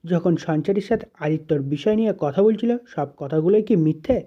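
A man's voice: a little high, brisk, natural voice. A man voicing a cold, unforgiving young husband who speaks curtly and accusingly, in a dull lo-fi recording. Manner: curt, accusing.

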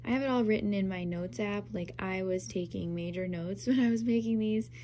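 Fairly quick and mellow at a medium pitch, this young woman is congested from a cold, her voice nasal as she walks through crochet steps. She keeps it chatty and upbeat, talking while her hands work, over a faint hiss or hum.

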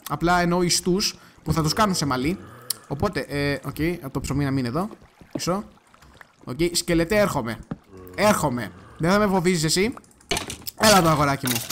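A fairly high-voiced man talks his viewers through his gameplay in a loose, chatty way. He gets excitable fast and now and then bursts into loud cursing. A faint hiss sits under his voice. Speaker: gaming video creator. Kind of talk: casual gameplay commentary.

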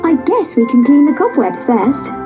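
A sweet, polite young princess from a storybook game, as a woman voices her. Her high, lilting voice sounds bright and encouraging. Music plays behind her, and the sound is slightly dull and lo-fi. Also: very animated, moderate pace. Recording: lo-fi recording over music.

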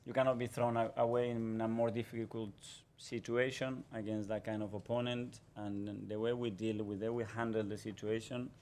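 A football manager in his forties speaks into a table microphone in a press room. His low voice stays flat and even. He gives measured, guarded answers and repeats his phrases. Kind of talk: post-match press conference answers. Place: press conference room in front of a sponsor backdrop.

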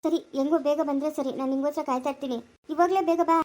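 A woman acts out an eager young woman who has run away from home, urging her lover with a high-pitched voice. She talks quickly and insists, in a homemade family skit. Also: steady tone, darkish tone, close to an everyday voice. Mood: urgent. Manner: urgent, insistent pleading. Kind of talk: amateur family skit acting.

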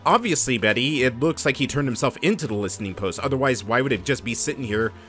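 Animated man doing casual game commentary. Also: medium pitch, quick pace, soft background music. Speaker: let's play host. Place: voice-over recorded apart from the game.

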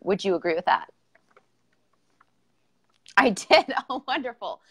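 A woman's voice: medium pitch, very animated, measured pace, a crowd in the background. A woman hosting a casual live-streamed podcast interview, talking in a chatty, enthusiastic way. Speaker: podcast host.

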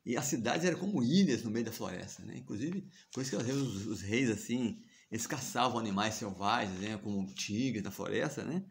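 A man's voice: lowish voice, lively intonation, a little fast, creaky, hardly any pauses, slight background noise. A man with a Brazilian accent retelling a scripture story in a chatty way, often asking listeners to agree. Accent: Brazilian Portuguese. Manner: chatty, frequent tag questions and chuckles. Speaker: devotional teacher.

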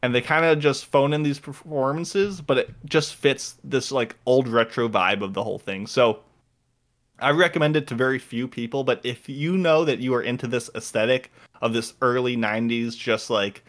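A podcast co-host chats casually and enthusiastically while recommending an anime, filling his talk with lots of fillers. His voice is mid-range and fairly bright, and he speaks at a moderate pace.

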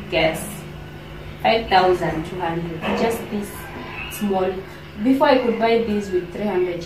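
Filmed by a camera on the counter a few steps off, a Kenyan woman in her thirties talks at medium pitch during a grocery haul vlog. She's chatty and unhurried, with plenty of fillers and pauses, and the roomy indoor kitchen adds echo and background hiss.

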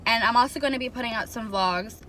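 A young woman chatting casually to camera as a vlogger, expressive and loose, with plenty of fillers. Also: on the high side, fast, slight background noise. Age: young adult. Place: room at home.

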